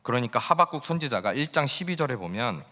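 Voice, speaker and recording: A man's voice: medium pitch, big pitch swings, quick pace, pushed and bright. A male pastor preaching a sermon in a conversational way, often asking the congregation questions. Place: church sanctuary. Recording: long church-hall reverb.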